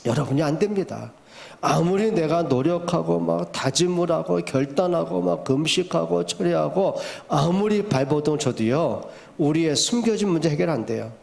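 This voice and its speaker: A man's voice: on the high side, moderate pace, gravelly, a little mellow. A middle-aged male pastor preaching a sermon, asking the congregation rhetorical questions and repeating his key points for emphasis.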